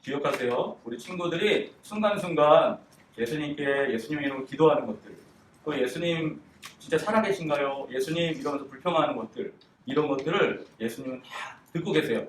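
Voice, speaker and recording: A man preaches to children in a church room, tossing them questions and acting out little quotes. His voice sits high for a man and is caught from some distance in a reverberant room with a faint hiss underneath. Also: fairly quick. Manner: animated, asks children questions, acts out quotes. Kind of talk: children's sermon. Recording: echoey room, distant mic, faint noise.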